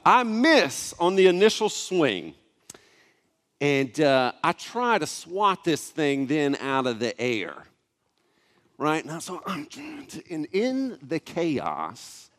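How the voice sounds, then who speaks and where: A man in his thirties preaching a sermon, telling a family story in a relaxed, conversational way with asides to the congregation. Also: on the high side. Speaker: pastor. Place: church sanctuary. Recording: long church hall reverb.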